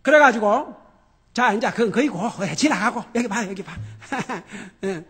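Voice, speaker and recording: A middle-aged man preaching a sermon as pastor, animated and laughing, swinging between loud exclamations and quiet emphasis. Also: high-pitched, a little slow, husky, soft background music.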